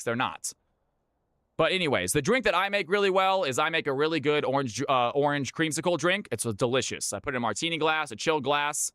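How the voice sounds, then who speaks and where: Running community custom games on a livestream, a man chats casually with viewers and makes lobby announcements, frequently repeating himself. His voice is a little high, fairly bright, clear, and resonant, recorded at studio quality without echo.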